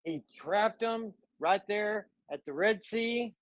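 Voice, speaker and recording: A man's voice: high-pitched, slow pace, no echo, dull audio. Fervent man retelling scripture. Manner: fervent, dramatic retelling with repetition. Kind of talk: preaching-style storytelling.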